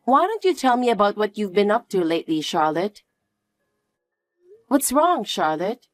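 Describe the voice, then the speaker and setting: A woman playing a protective mother in an audio drama, speaking softly and reassuringly. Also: medium pitch, very animated, dry recording, faint music behind. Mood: soothing. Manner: slow, soothing and reassuring. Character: soft-spoken protective mother.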